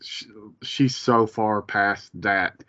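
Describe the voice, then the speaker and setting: A man's voice: lowish voice, steady tone, drawn-out words, sharp tone, no echo. A man in casual chat, rambling and searching for words, swearing and laughing, with the hiccups. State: has the hiccups. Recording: dull, lo-fi sound.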